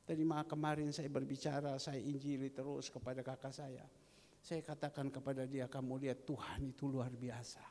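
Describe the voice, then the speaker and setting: A middle-aged man from Indonesia preaching a sermon as pastor, dropping to soft whispers and rising to loud emphatic peaks. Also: mid-range voice, level tone, moderate pace. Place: church hall. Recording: long hall reverb.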